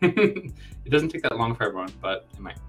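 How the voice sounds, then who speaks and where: With big pitch swings in a husky, mid-range voice at normal speed, a man in his thirties jokes self-deprecatingly and rambles as a guest in an informal interview; he co-created a comic. Soft background music accompanies him.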